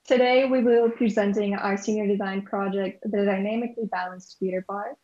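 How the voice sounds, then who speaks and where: A woman's voice: medium pitch, steady tone, fairly quick, warm tone. A young woman, a student presenter, introducing a presentation over a lo-fi video call. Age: young adult.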